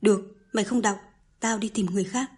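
A woman voicing a stern, scheming old mother who scolds and pushes her children, with a very breathy voice. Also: mid-range voice, fairly even intonation, brisk, darkish tone, close to an everyday voice. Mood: scolding. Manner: scolding, pushy.

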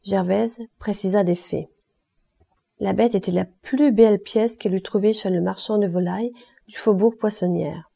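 Audiobook reader, woman, husky gravelly voice, very dark tone. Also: mid-range voice, steady tone, moderate pace. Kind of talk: audiobook narration of a classic novel.

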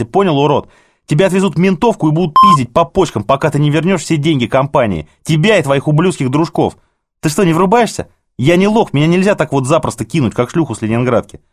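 A cornered, scheming male manager in an audiobook, his voice pushed up high and strained, as the narrator puts him on. He talks fast, wheedling and close to hysteria. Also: animated, no echo. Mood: threatening. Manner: wheedling, then shrill and threatening. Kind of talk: audiobook character voice.

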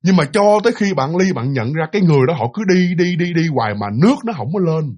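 A man narrating a ghost story, animated and speaking directly to his listeners. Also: high voice, fast.

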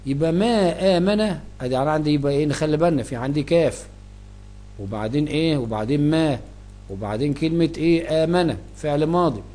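A man's voice: a little high, quick pace, mellow. A man with an Egyptian accent teaching Arabic grammar, asking himself questions and answering them. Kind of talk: grammar lesson explaining Quran verses.

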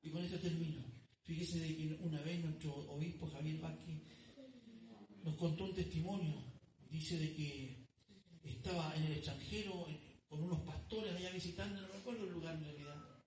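A man's voice: on the high side, steady tone, normal speed. Man, pastor, sermon, storytelling, faint background hiss, heavy room echo. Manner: storytelling, addressing listeners as brother. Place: church. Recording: echoey room, distant mic.

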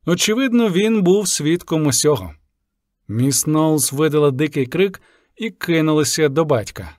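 Casting: male audiobook narrator, measured, fairly high pitch, dry booth. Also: lively intonation, dry recording. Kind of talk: first-person audiobook narration.

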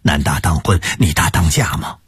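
A man voicing a gentle, teasing middle-aged mother, coaxing her family. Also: rumbling low, expressive, normal speed, slightly rough, dry recording, exaggerated voice. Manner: warm homely coaxing.

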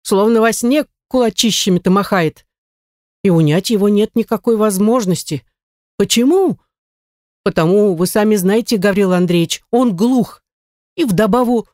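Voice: mid-range voice, normal speed, darkish tone, dry recording, studio quality, close to an everyday voice. A reader voicing a wordy, self-pitying middle-aged male shoemaker in an audiobook, complaining at length. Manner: lamenting, long-winded. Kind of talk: audiobook character reading.

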